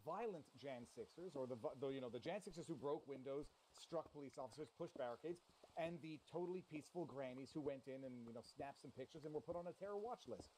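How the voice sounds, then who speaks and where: A man hosting a live stream, giving animated, opinionated commentary. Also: mid-range voice, fast, a little hiss or hum, low-quality recording. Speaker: streamer host.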